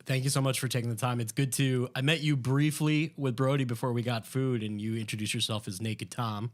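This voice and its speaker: A man co-hosting a podcast, welcoming the guest in a friendly, quick way. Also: medium pitch, steady tone. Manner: friendly, quick thanks and backchannels. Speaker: podcast co-host. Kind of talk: casual interview chat.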